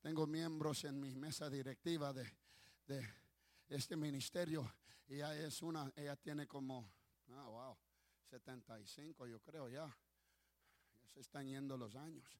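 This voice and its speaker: A man's voice: medium pitch, steady tone, a little slow, pauses often, a little mellow, no room sound. A man preaching as pastor of his ministry, fervent, calling for applause and telling stories with many restarts. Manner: storytelling with restarts. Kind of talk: sermon.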